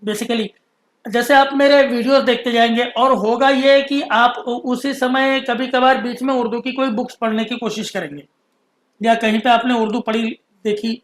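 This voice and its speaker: A man teaching Urdu script, patiently explaining and stretching out letter sounds slowly. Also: very high-pitched, a bit bright, echoey room. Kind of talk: explaining a lesson.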